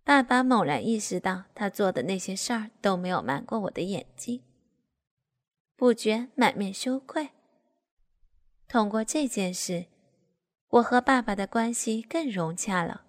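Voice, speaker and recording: A woman narrating a first-person story in a steady, even manner. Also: medium pitch, measured pace, long pauses, long reverb tail.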